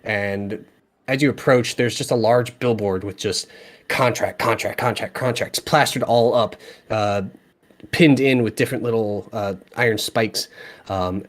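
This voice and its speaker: A man with a fairly low voice narrates a tabletop game as game master. He talks in a relaxed, meandering way and often stops on fillers as he paints the scene. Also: a little slow.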